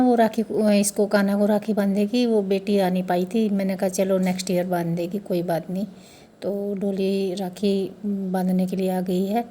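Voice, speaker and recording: Woman, vlogger from India; chatty explainer, level and mellow. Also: medium pitch. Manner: chatty, explains customs step by step. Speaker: family vlogger. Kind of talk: casual vlog narration to viewers. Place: family home during a festival.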